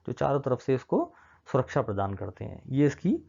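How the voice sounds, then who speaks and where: A male teacher with a warm, husky, creaky mid-range voice lectures children in a recorded class, his pitch swinging widely as he talks fairly quickly. He walks them through a map, mixing English terms into his explanations and coaxingly checking in with them often, all in dull lo-fi sound.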